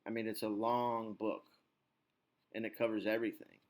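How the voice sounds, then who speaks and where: A man hosting his podcast as an English teacher, talking in a relaxed, reassuring, rambling way. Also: on the low side, normal speed. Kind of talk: casual chat.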